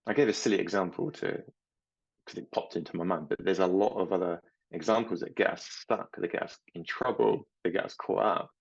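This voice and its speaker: A middle-aged man and mindset coach talking slowly and reflectively, telling small stories about his children. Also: low voice, gravelly, lo-fi sound. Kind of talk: reflective talk to camera.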